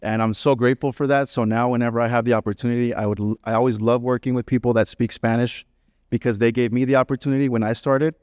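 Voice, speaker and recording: A man's voice: medium pitch, fairly even intonation, quick pace, darkish tone, clean tone, dry recording, clean studio sound. Earnest young man on a panel. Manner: earnest, conversational, many fillers like "you know". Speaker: real estate agent on a panel. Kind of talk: panel discussion.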